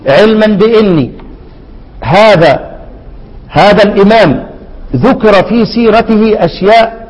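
A man with an Egyptian accent teaching Quran recitation, constantly quizzing his students and drawing out verses in a slow chant. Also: sits high, slightly rough, big-room sound, poor audio. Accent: Egyptian Arabic. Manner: keeps quizzing students with questions, repeats answers. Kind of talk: classroom explanation of a recitation poem.

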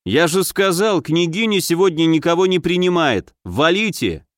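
A man reading an audiobook, voicing a rude, angry young guard who yells crude insults through a gate. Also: on the high side, animated, moderate pace, dry recording, studio quality, natural voice. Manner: shouting, crude.

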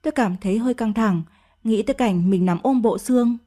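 A woman reading a first-person story aloud in a steady, emotive storytelling manner. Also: on the high side, a little fast.

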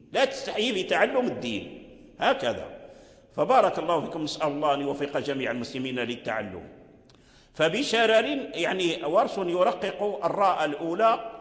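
Man teaching recitation in an echoing hall. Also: a little high. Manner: patient and repetitive, restating each point several times. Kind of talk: religious lesson explaining recitation rules.

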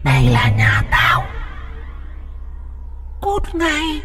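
A man voicing a rotting female ghost in an audiobook who hisses threats that climb into shrill cries. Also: huge pitch swings, drawn-out words, sharp tone, soft background music, exaggerated voice. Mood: menacing.

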